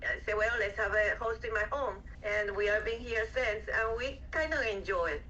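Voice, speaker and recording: A woman from Venezuela chatting on a video call, talkative and quick to laugh. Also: medium pitch, sharp tone, a little hiss or hum. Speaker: club founder. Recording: distant dull video call audio.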